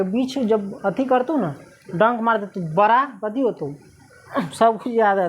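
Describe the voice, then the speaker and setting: Casting note: fairly high-voiced woman teacher, retelling a story line by line in dialect. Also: dull audio. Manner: reads a line, then retells it in local dialect with frequent "है ना?". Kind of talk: explaining a Hindi story lesson.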